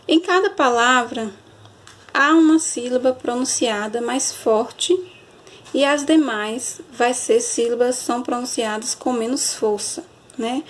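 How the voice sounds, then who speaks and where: A woman teacher, giving a recorded grammar lesson and often checking understanding with a quick question. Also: on the high side. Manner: explanatory, checks understanding with frequent "certo?"; stretches and stresses example words slowly.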